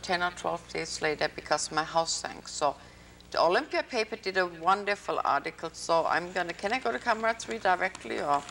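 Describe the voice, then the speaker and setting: An older woman from North Africa hosts a cable interview, rambling through her stories. Her voice sits low but bright. The lapel recording sounds a bit distant, with faint hiss underneath. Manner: chatty, rambling storyteller. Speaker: host. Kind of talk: public access interview. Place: TV studio with green-screen backdrop.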